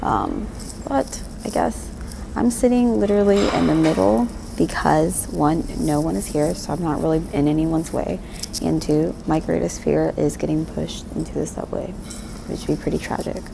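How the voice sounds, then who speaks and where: A young woman talks to her vlog in a slightly low voice with plenty of fry. She is informal and rambling, often poking fun at herself. There is noticeable ambient noise behind her. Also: steady tone, normal speed. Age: young adult. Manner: rambling, self-deprecating, informal. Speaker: vlogger. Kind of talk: casual vlog chat to camera. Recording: noisy handheld vlog with background ambience.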